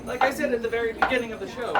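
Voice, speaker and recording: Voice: medium pitch, racing. A street performer doing self-deprecating, showman-like comedy patter for a live audience at a Renaissance fair. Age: 30s or older. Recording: distant mic, loud crowd and noise.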